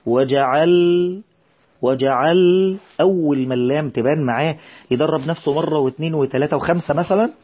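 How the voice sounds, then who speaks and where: A man with an Egyptian Arabic accent teaching tajweed. He explains in quick everyday speech, then recites verses slowly and drawn out. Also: medium pitch, breathy edge, lo-fi sound. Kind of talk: tajweed lesson with slow recitation.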